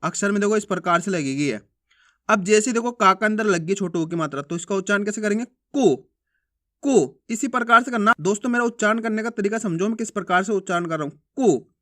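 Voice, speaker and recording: High bright male Hindi teacher. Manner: repeats sounds slowly and drawn out, quizzing the viewer. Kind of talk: friendly Hindi alphabet lesson.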